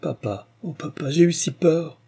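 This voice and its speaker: A man's voice: on the high side, unhurried, creaky, dark tone, slightly rough, voice pushed up, full character voice. A man reading an audiobook voices a young princess, raised and emotional, swinging between tears and laughter. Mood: tearful. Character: young woman, tearful and joyful princess daughter.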